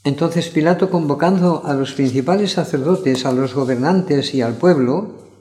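Male preacher reading scripture, measured and emphatic, slightly high voice, echoey room. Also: warm tone. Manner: reads scripture slowly, stressing the crowd's cries. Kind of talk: sermon with Bible reading.

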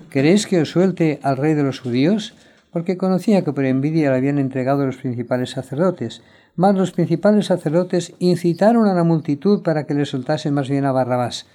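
Preacher, male, higher-pitched, mellow voice, reads scripture with rising intensity. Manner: reads scripture aloud, swelling louder on quoted cries. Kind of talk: sermon with scripture reading.

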